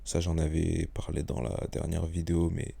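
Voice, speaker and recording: A young man talks in a very deep, mellow voice with plenty of fry. He improvises a casual vlog-style monologue, slangy and rambling, and often says a phrase over again. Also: completely flat delivery, normal speed. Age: young adult. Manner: slangy, rambling, repeats himself. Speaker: vlogger.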